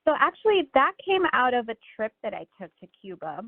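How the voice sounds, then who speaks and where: A very animated, slightly high-voiced woman talks fairly quickly, with no room sound, over a narrow phone line. She's a Miami, United States, guest author giving casual, reflective interview answers peppered with "like" and "you know."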